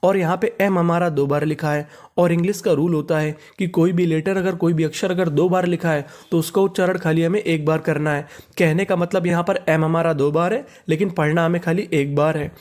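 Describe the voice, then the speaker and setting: Guy teaching english words, spells them out, keeps asking what do we read, kinda high voice. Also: steady tone, a little fast, a little mellow. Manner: repeats each word and asks "what do we read?".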